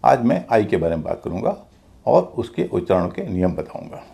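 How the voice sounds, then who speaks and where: A man's voice: on the low side, very animated, moderate pace, creaky, warm tone. A man teaching English pronunciation in a video class, explaining rules step by step and repeating them with examples.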